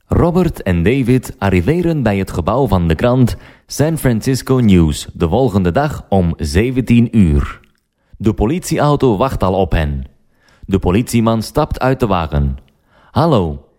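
A man narrating a story for language learners, slow and deliberate. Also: fairly low pitch, dark tone.

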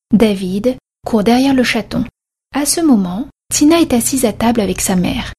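A woman narrating a children's story in a slow, careful reading voice. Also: fairly high pitch, darkish tone, slightly rough.

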